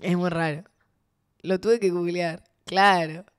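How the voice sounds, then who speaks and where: A woman's voice: lowish voice, steady tone, slow pace, smooth. A young woman with a Rioplatense Spanish accent, chatting casually with her stream viewers and telling a story with laughter and sudden exclamations.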